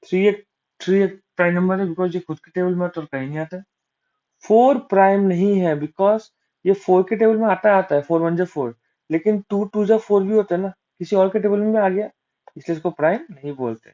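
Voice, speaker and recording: A man's voice: high voice, fairly quick, dark tone. A man teaching an exam-prep maths lesson, working sums aloud, asking and answering his own questions, mixing terms in. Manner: works sums aloud step by step, asks and answers himself; mixes English maths terms into Hindi. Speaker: maths tutor. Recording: dull lo-fi recording.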